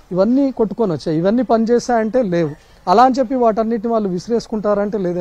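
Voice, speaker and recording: Fast, urgent male field reporter. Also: sits high, warm tone. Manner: urgent, rapid, emphatic. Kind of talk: live ground report. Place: outdoors in a flooded neighborhood.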